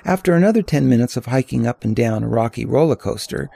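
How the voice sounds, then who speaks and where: An older man narrating a first-person story in a calm, descriptive, steady manner. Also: mid-range voice, fast, vocal fry, slightly rough. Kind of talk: scripted audiobook narration.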